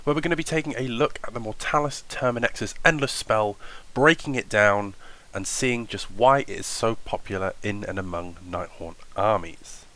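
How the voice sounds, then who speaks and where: A man's voice: on the low side, moderate pace, a bit bright. A young man hosting a wargaming tactics voiceover, sounding nasal from a cold and talking in an upbeat, enthusiastic way. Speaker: wargaming channel host.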